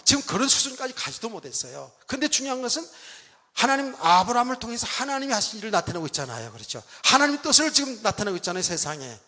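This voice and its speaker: High bright-voiced man preaching in a reverberant church. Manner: dramatic, acts out quoted speech, swings loud and soft; asks the congregation questions. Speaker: pastor. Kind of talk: sermon. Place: church sanctuary. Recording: long church hall reverb.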